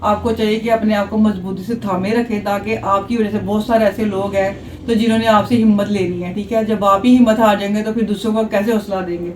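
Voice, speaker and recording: Fast-talking woman giving earnest advice. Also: mid-range voice, fairly even intonation, a little mellow, slight background noise. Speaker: family vlogger. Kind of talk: casual family chat. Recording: roomy, distant home recording.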